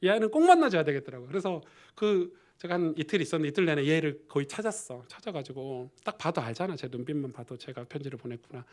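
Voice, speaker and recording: A man preaches a sermon in a fairly high voice, telling stories as if chatting with the congregation. He swings between forceful, loud emphasis and soft, almost whispered asides. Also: lively intonation, fast talker, few pauses. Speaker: pastor.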